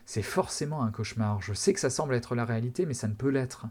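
A man's voice: mid-range voice, fast talker, darkish tone, close to an everyday voice. A man voicing a frightened husband in a read-aloud story, anxious and pleading. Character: frightened husband under arrest.

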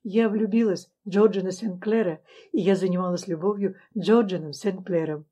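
A heartfelt, emotional young woman in love, as a woman narrator reads her in a storybook reading. The voice is low and warm, with a husky grain. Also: steady tone, normal speed, close to an everyday voice.

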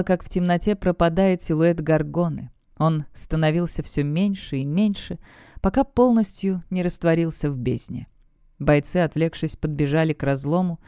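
Fantasy audiobook narrator, mellow and smooth, dry close recording. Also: mid-range voice, no echo.

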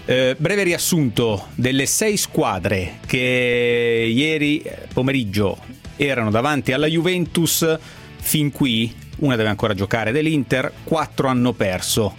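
A man's voice: medium pitch, expressive, a little slow, faint music behind. A man hosting a live radio football talk show, addressing guests and listeners. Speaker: radio sports host. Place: radio studio.

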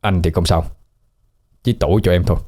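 A man voicing a sly, treacherous young lover with a smooth, scheming manner. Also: deep voice, fairly even intonation, brisk, mellow.

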